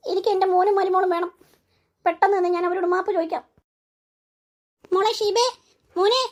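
A woman's voice: very high voice, a little mellow. A woman voicing a remorseful older mother-in-law in a cartoon, lamenting with repeated cries of dismay. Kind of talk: cartoon voice acting.

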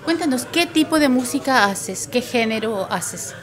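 A woman's voice: on the high side, animated, a little slow. A woman reporter interviewing guests in a small café venue, asking upbeat questions into a handheld mic.

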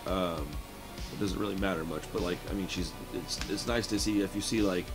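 A man's voice: low voice, brisk, music in the background. A man in his late thirties giving a casual, chatty horror movie review from his home, often calling the listener "man". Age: 30s. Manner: relaxed and chatty, says "man" a lot. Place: home room lined with shelves of records and films.

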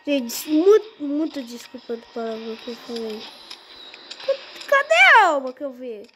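A woman's voice: sits high, big pitch swings, unhurried, very noisy. A young girl playing a game on her channel, talking to herself as she goes and easily startled. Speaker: gaming channel host. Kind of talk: casual gameplay commentary.

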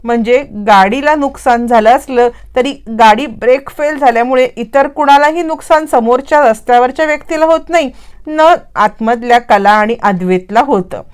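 A woman's voice: sits high, normal speed, clean tone. A woman narrating a recap of a TV serial, retelling scenes and acting out the characters' lines.

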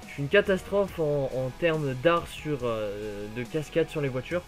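A man giving jokey, excitable play-by-play of a racing game, his voice worn from being ill. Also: fairly high pitch, measured pace, soft background music. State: voice worn from illness. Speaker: gaming YouTuber.

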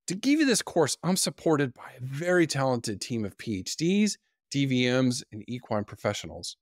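A man in his forties introducing an online course to camera in an upbeat, teaching manner, speaking into a boom-arm studio mic in a small indoor studio. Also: dry recording. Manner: upbeat, lively teaching delivery. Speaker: course instructor.

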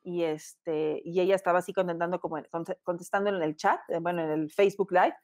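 A woman's voice: lowish voice, steady tone, fairly quick, darkish tone. A woman co-hosting a casual chat, telling anecdotes expressively, laughing often and mimicking voices. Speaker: podcast co-host.

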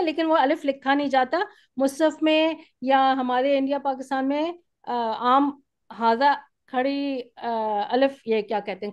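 A woman teaching an Arabic grammar class online, explaining patiently step by step and often checking that students follow. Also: sits high. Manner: patient, explains step by step with frequent "theek hai?".

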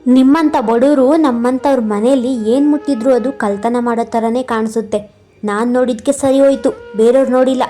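A woman's voice: a little high, normal speed, faint music behind, natural voice. A woman doing a haughty rich sister. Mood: scornful. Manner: sharp, scolding, contemptuous.

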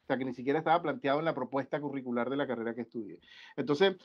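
A man from Venezuela, a guest researcher on an academic video-call panel, talking in a halting way with many restarts and fillers. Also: medium pitch, fairly even intonation. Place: indoor room. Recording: dull lo-fi video-call audio.

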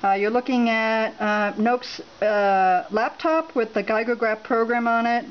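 A home radiation monitoring vlogger films her laptop screen indoors, talking off the cuff in a fairly high-pitched voice. She reads measurement figures aloud, pausing often and using many fillers, while the muffled recording carries slight background noise.

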